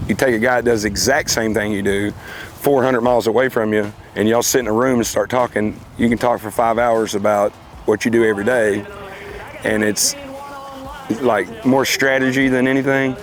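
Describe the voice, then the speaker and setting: A man's voice: mid-range voice, fairly even intonation, moderate pace, a little hiss or hum. A middle-aged man, chatting casually and reminiscing in a folksy, plain-spoken way. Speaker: competitive car auctioneer being interviewed.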